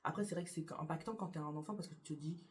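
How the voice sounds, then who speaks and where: Her voice is low-pitched and she speaks very fast. A young adult YouTuber, she casually responds to get-to-know-me questions for her vlog from her bedroom by the window, hesitating a lot and restarting sentences amid many fillers.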